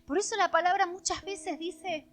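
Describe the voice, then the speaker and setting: Woman pastor, Argentine accent, sermon, high voice, dramatic loud-soft delivery. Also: fairly even intonation, moderate pace, faint music behind. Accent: Argentine Spanish. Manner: dramatic preaching with sharp swings between loud and hushed.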